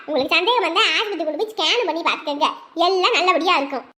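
A woman's voice: very high-pitched, animated, rapid-fire, pushed and bright, exaggerated voice. An actress playing a confident, joking village woman who boasts. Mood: boastful. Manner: boastful, jokey.

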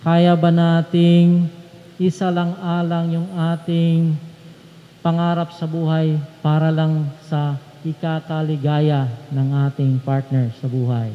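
A man with a Filipino accent giving a wedding homily, speaking slowly and deliberately and mixing English with Tagalog. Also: fairly high pitch, dark tone. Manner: slow, measured preaching, switching between English and Tagalog. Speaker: priest officiating a wedding. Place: large stone church. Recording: dull sound with long church reverb.

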